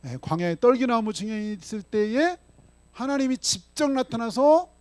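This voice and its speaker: A man preaching with a high, animated voice that swings widely in pitch. He keeps the sermon chatty, tossing questions to the pews and reading scripture slowly in unison with them. The recording is dry and close, with almost no room sound. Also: no room sound. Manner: conversational preaching, acts out the dialogue; leads the congregation in slow unison scripture reading. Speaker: pastor.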